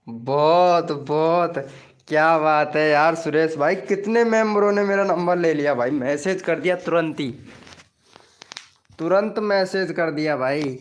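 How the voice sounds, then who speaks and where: A man chatting casually on a livestream, greeting viewers by name and repeating his phrases as he reads out their comments. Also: a little high. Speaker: live streamer greeting viewers.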